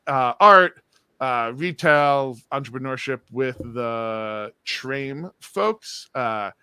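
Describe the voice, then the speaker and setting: Upbeat guy hosting an online session, lots of uhs, bright crisp voice. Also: medium pitch, no echo, clean studio sound. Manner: upbeat, many filler "uh"s. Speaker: host. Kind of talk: livestream session host.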